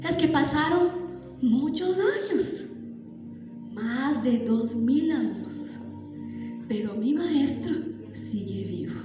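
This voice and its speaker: A woman's voice: high-pitched, animated, takes it slowly, pauses often, dull audio. A woman preacher telling a first-person sermon as Mary Magdalene, a devoted, awestruck disciple, in an emotional, dramatic way. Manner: emotional, dramatic storytelling with exclamations. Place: large church hall at a women's congress. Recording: echoey hall with background music.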